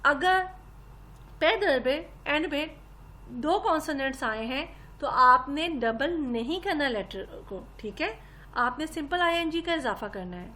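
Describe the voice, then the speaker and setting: A woman's voice: high voice, lively intonation, unhurried, bright, forceful tone, a little hiss or hum. A woman, teaching an English grammar lesson patiently and step by step, often addressing her listeners politely.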